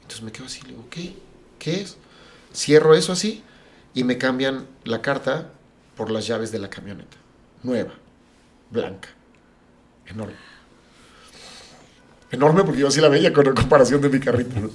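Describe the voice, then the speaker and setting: A man's voice: medium pitch, normal speed, pauses often. A middle-aged man, a pastor and podcast guest, telling a personal story and acting out what others said. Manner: animated, acts out the dialogue of family and friends.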